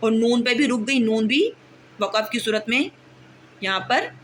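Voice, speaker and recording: A woman teaching a tajweed lesson, patient, often checking that students understand, and slowly drawing out recited words. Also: a little high, slight background noise.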